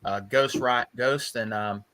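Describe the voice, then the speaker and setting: Crowd noise can be heard as a man with a mid-range voice speaks slowly with fairly even intonation. He's a podcast co-host chatting casually, gossiping and telling stories, repeating phrases for emphasis and saying "bro" often.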